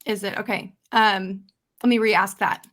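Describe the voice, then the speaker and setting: A woman's voice: medium pitch, fairly even intonation, a little slow, fairly bright tone. A woman hosting a live online interview, her audio crackling on the line as she checks that she can be heard. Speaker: host. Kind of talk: casual live-stream interview chat. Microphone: online call from a remote mic.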